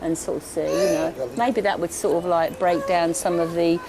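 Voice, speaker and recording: A woman's voice: fairly low pitch, steady tone, normal speed, noisy background. A woman chatting in a rambling way, full of fillers, as a regular customer. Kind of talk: casual chat.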